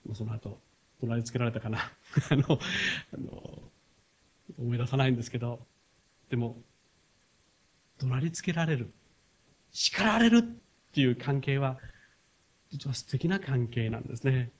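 A man preaching a sermon, firing rhetorical questions at the congregation and swinging from loud emphatic passages to soft, confiding asides. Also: medium pitch, normal speed, long pauses, breathy edge.

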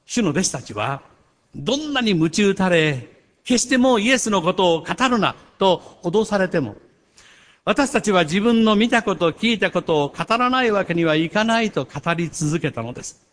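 A male pastor delivers a sermon in a slightly higher-pitched voice. He speaks earnestly, pressing his key points with rising volume. When he turns to a personal story, he drops into a softer, more confiding tone. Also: expressive, moderate pace.

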